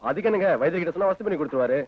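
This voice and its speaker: A rapid-talking, polite Kongu villager. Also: male voice, sits high, expressive. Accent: Kongu Tamil. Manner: deferential, polite. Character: simple, kind-hearted village helper man. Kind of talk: film acting. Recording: dull lo-fi film audio.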